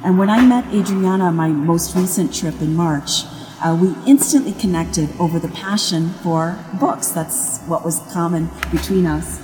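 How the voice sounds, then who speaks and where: A woman's voice: on the low side, normal speed. A woman hosting an informal interview in a bookstore cafe, asking long friendly questions. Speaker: interviewer, nonprofit founder. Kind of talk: casual interview. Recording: echoey room with faint music.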